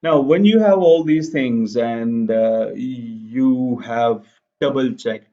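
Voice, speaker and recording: A young Urdu-speaking man with a mid-range, dark-toned voice walks through a process step by step at a slow pace, often checking in with "okay." He's an immigration explainer giving a casual screen-share tutorial from a small indoor room, and the recording sounds slightly dull and lo-fi.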